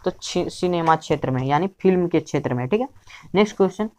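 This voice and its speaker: Lowish woman drilling quiz answers. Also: lively intonation, fast, dark tone. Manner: repeats each question and answer, ends with "ठीक है"; self-correcting, with slips. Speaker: teacher. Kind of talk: exam revision lesson.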